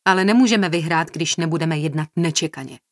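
A woman's voice: low-pitched, no room sound, clean studio sound. A woman voicing a stubborn young woman who answers tersely and defiantly, in an audiobook reading. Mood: defensive. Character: stubborn defensive young woman under pressure.

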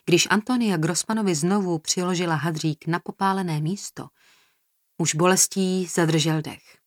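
Low-voiced woman narrating a novel. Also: no echo, clean studio sound. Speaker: audiobook narrator. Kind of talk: scripted narration.

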